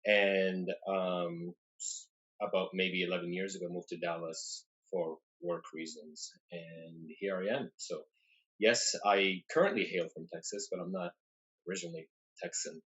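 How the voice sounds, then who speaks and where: A young man with a very deep voice, from Lebanon, speaks as a guest on a video call. He talks in a soft, thoughtful way and pauses on "um" now and then. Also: rough recording. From Lebanon, raised in the Middle East. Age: young adult. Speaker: dentist and book collector, guest. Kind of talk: casual video call interview.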